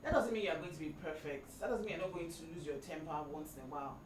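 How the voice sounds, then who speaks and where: A woman's voice: low voice, lively intonation, quick pace. A woman hosting a faith-based discussion, reflective and affirming, sharing personal experience. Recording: distant echoey room with background noise.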